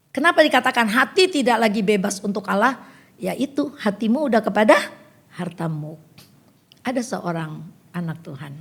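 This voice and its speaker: An older woman delivers a homely sermon in a high voice with a husky edge. She talks to her listeners like friends, drifting between plain teaching and little acted-out exchanges. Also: fairly bright tone. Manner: conversational storytelling sermon, acting out dialogue. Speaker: preacher.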